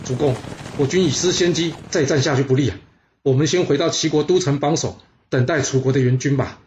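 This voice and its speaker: A man's voice: a little high, a little fast, a little mellow, slight background noise, natural voice. A man voicing a cautious ancient male minister who pleads urgently with his ruler.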